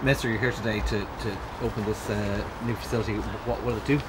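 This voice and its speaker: Very rapid male reporter, outdoors. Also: on the low side, steady tone. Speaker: news reporter. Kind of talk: doorstep questioning. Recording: noisy outdoor recording with traffic.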